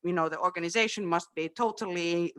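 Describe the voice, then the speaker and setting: Speaking a little fast in a high, bright voice that is forceful, clear and resonant, a Finnish man takes part in a webinar discussion as a city education official. Finnish is his first language, and his delivery is halting, with many fillers and restarts. It's recorded over a video call.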